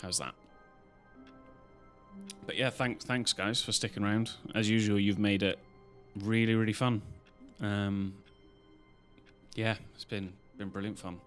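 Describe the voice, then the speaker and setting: Low-pitched British man rambling casually. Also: steady tone, unhurried, pauses often, a bit bright, soft background music. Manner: rambling, loosely strung-together talk. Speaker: live streamer hosting. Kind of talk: casual stream chat.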